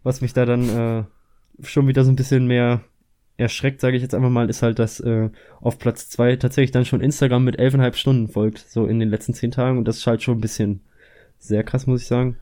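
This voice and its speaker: A man's voice: medium pitch, level tone, fairly quick, warm tone. A young man chatting casually, rambling with lots of filler words. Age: young adult. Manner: rambling, many fillers like "so" and "halt". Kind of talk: casual chat.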